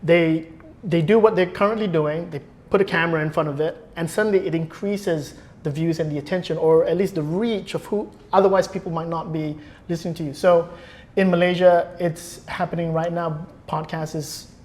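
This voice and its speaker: Recorded indoors for a podcast, this guest, once a radio producer, lays out his views in a reflective, chatty manner, often starting his phrases over. He speaks at an ordinary pace with a fairly even, higher-side voice that has a darkish tone.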